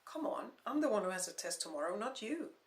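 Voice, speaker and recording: A woman's voice: mid-range voice, big pitch swings, brisk. A woman voicing an earnest, cautious young man who speaks patiently and pleadingly. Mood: calm. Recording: roomy echo.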